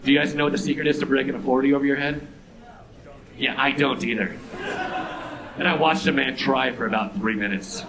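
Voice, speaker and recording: A young man performs a stand-up set on a club stage, his mid-range voice drifting from low deadpan to sudden excited outbursts. Loud audience laughter rolls in behind him. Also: a little fast, pauses often, crowd noise, rough recording. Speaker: stand-up comedian.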